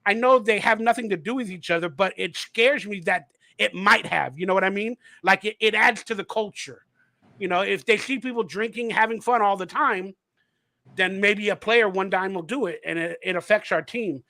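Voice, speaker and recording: High bright-voiced man, animated chat. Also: normal speed, no echo. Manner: animated storyteller, acts out quotes, swears freely. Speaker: host of a fan livestream. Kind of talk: casual chat.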